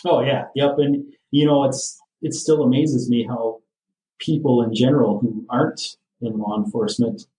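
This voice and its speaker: A man's voice: mid-range voice, fairly even intonation, normal speed, dark tone. A man in a casual podcast interview, talking in an easygoing, matter-of-fact way with lots of "you know". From Michigan. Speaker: sheriff's office captain, guest. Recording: roomy, distant from the mic.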